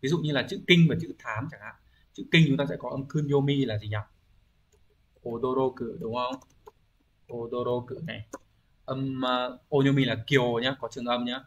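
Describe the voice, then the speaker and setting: A man patiently teaches a language lesson in a recorded online exam review, asking rhetorical check-in questions and thinking aloud with frequent hesitation fillers. His mid-range voice is expressive and moves at a moderate pace.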